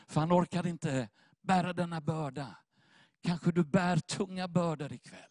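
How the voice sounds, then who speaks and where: A man's voice: high voice, no room sound, studio quality. A man preaching an evangelistic sermon, telling a story with emotion and building to impassioned appeals to the listeners.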